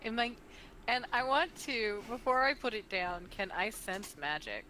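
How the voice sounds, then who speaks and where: A woman playing a tabletop game, chatty and animated, asking about rolls and spells. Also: fairly high pitch, measured pace, slight background noise, rough recording. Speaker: player. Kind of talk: casual tabletop play.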